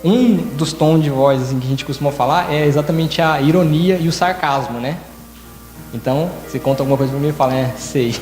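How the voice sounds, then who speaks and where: A man's voice: fairly high pitch, a little fast, darkish tone, soft background music. A man preaching a sermon as a church elder, acting out different tones of voice in his examples. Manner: demonstrative, acts out tones of voice in quoted examples. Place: church hall. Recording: echoey hall with reverb.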